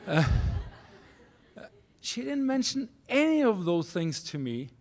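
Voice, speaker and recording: A man in his forties from Norway with a Norwegian accent, giving a keynote speech at a university podium, earnest and halting, restarting phrases in non-native English. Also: high voice, sing-song, darkish tone. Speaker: keynote speaker. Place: university auditorium stage. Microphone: podium microphone.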